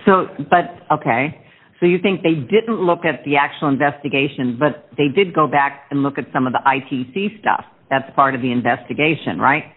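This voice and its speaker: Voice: medium pitch, normal speed, breathy edge. A presiding judge questioning counsel in an informal, plain-spoken way. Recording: thin phone-like courtroom audio.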